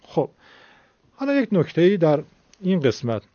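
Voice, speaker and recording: Teacher explaining pronunciation, dull recording. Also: male voice, on the high side, very animated, dark tone, no echo. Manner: explains slowly, then demonstrates drawn-out Arabic sounds. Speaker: Quran recitation teacher. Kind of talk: tajweed lesson with recited examples.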